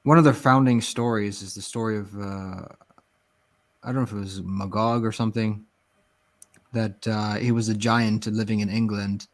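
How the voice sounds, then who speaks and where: Male panel guest, lowish voice, casual and halting, feeling his way through sentences. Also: steady tone. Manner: hesitant, halting. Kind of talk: casual discussion.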